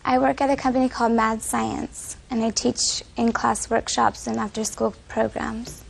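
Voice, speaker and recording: Young female defendant, very creaky and unvarying, measured and defensive on the stand. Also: on the high side, flat delivery, poor audio. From California. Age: young adult. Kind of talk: courtroom testimony.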